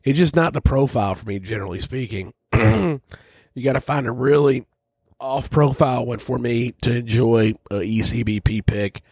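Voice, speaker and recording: A man's voice: mid-range voice, normal speed, darkish tone, dry recording, studio quality. A man hosting a casual whiskey tasting, talking bluntly and rambling, with frequent swearing. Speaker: whiskey reviewer host.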